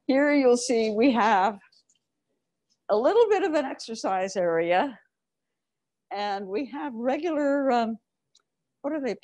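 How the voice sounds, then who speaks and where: A woman's voice: medium pitch, darkish tone, dry recording. An older woman speaking through a face mask, explaining things as she guides a group on an informal office tour, wearing a clip-on mic. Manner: explanatory, addressing a group while walking. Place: open-plan office, indoors. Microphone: clip-on lapel microphone.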